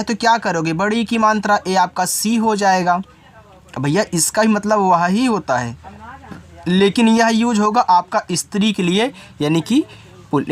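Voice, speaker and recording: A man's voice: high voice, no room sound. A male teacher giving a spoken lesson, explaining step by step with patient repetition and frequent check-ins. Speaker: English teacher.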